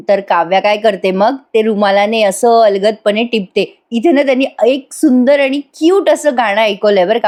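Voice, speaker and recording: A woman's voice: a little high, darkish tone. A woman giving a chatty voice-over review of a TV serial episode, talking straight to her viewers. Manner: chatty, addresses viewers, laughs often.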